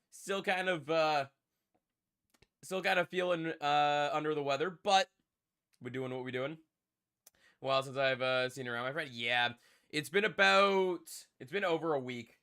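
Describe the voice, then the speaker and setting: His voice a little high, bright, forceful, clear and resonant, a young man talks to his live-stream chat while congested from a cold. He rambles casually and keeps repeating himself.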